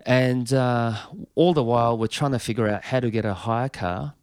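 A man's voice: medium pitch, moderate pace, darkish tone, smooth, no echo, clean studio sound. A touring musician, a man, telling a long anecdote with a rambling manner full of fillers and restarts.

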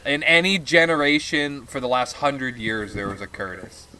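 A man's voice: medium pitch, normal speed, a loud crowd, poor audio. A young man in casual chat with friends, telling stories in a loose, profane, giggly way.

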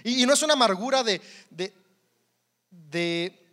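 A man's voice: very high voice, animated, a little slow, a bit bright. A man with a Mexican accent preaching a sermon in a conversational, humorous way, often repeating words as he goes.

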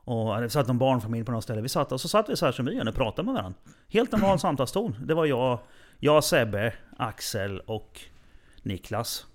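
A man from Sweden, speaking at a medium pitch, chats casually and tells stories with energy. He slips into the voices of the people he quotes, so his delivery keeps shifting. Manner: animated anecdote-telling, acting out quoted voices. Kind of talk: casual chat, storytelling.

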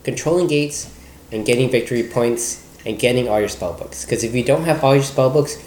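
Brief: woman co-host, very deep voice, easygoing rules explainer, roomy room sound. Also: a little fast. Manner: explains rules plainly, relaxed and chatty. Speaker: board game show co-host. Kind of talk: casual board game review chat. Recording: roomy echo, faint noise.

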